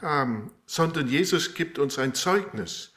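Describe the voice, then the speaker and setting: A man preaching a sermon with a live demonstration, speaking in a halting way with many fillers and restarts. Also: a little high, animated, fairly bright tone. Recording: echoey room.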